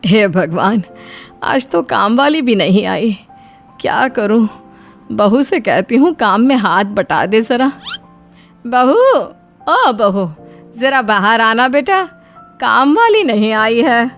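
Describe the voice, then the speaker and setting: Brief: a woman voicing a soft, weary mother-in-law in a cartoon story, faint music behind. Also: on the high side, sing-song, slow pace, pauses often, heavily acted. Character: gentle older mother-in-law, patient.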